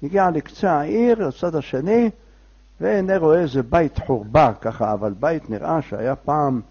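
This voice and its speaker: Male storyteller, high, lively and husky, with chatty asides to the listener. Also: dull audio. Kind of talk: oral folk tale telling.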